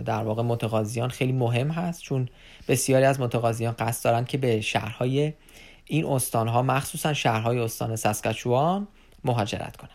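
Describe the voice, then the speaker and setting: A man giving an unscripted informational talk to viewers as an advisor, addressing them as friends and pausing often on fillers. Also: medium pitch, creaky. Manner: unscripted explaining with many filler pauses.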